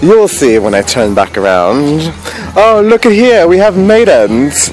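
A man with a higher-pitched, lilting, sing-song voice and a darkish tone speaks unhurriedly, playing a theatrical, flamboyant tarot reader who hosts a vlog from a Renaissance fair. He uses mock-archaic, courtly wording while strolling a fairground lane lined with stalls outdoors. The audio is poor, captured on a phone held at arm's length.

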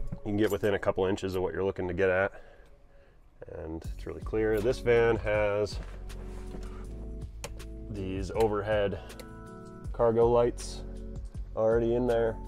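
Guy w a deep voice talking thru his van build, faint music behind. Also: a little mellow. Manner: plain, practical, talks while pointing things out. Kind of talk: casual walkthrough narration. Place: inside a cargo van in a workshop.

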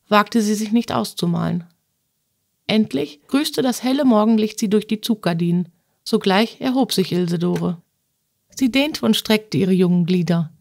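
A woman narrating a classic novel as an audiobook reader, lifting her voice for shrill outbursts in the dialogue. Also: vocal fry, a little mellow, no room sound, studio quality. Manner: acts out dialogue with raised pitch for shrill outbursts.

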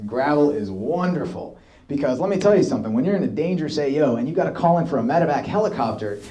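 A young man in his twenties with a mellow, warm voice tells stories from his army service to an audience. He talks lively and casually, and acts out the lines of the people he quotes. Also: medium pitch. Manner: lively anecdotal storytelling, acts out quoted dialogue. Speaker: army officer giving a talk. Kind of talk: storytelling talk to an audience. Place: hall with audience, showing slides.

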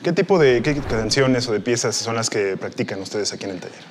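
A man's voice: medium pitch, animated, a little fast, slight background noise. Male school event presenter in a reverberant hall. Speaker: host. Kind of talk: presenting a school cultural program.

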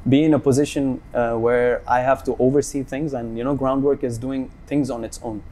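A young man from Dubai gives relaxed, earnest interview answers, with the odd filler along the way. His voice is dark and mellow, at a middle pitch. Faint noise hangs behind him in the indoor room. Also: moderate pace. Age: young adult. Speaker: company founder, guest. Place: indoor room, seated on a sofa.

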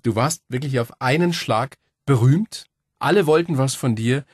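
A man's voice: mid-range voice, normal speed, darkish tone, husky, no room sound, studio quality. A male interviewer asking engaged, informal follow-up questions in a conversational interview.

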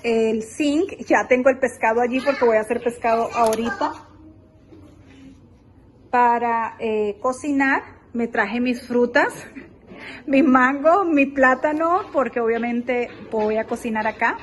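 Walking through a beach rental with her phone, a woman vlogger speaks in a highish voice, a little slowly, over slight background noise. She's chatty and enthusiastic, addressing her audience as "girls" in a casual house-tour video.

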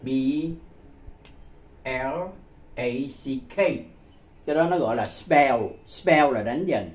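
Man, casual language teacher, mid-pitched, very slow and repetitive, patient with frequent chuckles. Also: animated. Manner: repeats phrases slowly and patiently, chuckling often. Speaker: English teacher. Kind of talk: casual spoken language lesson.

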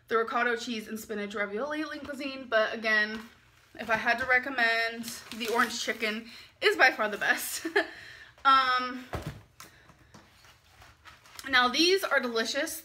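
A woman's voice: on the high side, bright, forceful tone, a little hiss or hum. A woman in her twenties chatting casually through a grocery haul in her home kitchen late at night, tired and giggly. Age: 20s. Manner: chatty, giggly, talks while unpacking items. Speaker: vlogger.

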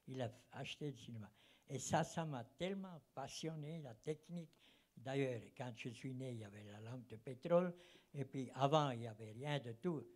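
A man's voice: medium pitch, a little mellow. A man in his eighties with a foreign Swiss German accent in his French, rambling and searching for words as he reminisces into a handheld microphone. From German-speaking Fribourg countryside, Switzerland. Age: 80s. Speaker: audience member, former travelling cinema operator. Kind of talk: reminiscing at a public round table. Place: seated in a cinema auditorium.

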